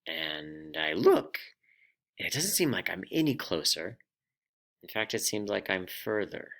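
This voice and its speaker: Animated low-voiced man telling a story. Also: measured pace. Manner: animated, self-deprecating storyteller. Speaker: vlog host. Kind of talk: personal finance vlog with storytelling.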